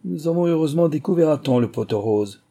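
A man's voice: fairly high pitch, lively intonation, fast, dark tone, pitched above the performer's own voice. A man voicing a commanding, pompous plantation manager, as in an audiobook.

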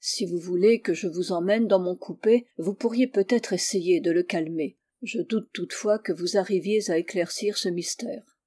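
A woman's voice: lowish voice, moderate pace, mellow, husky. A woman voicing a composed male doctor. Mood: calm.

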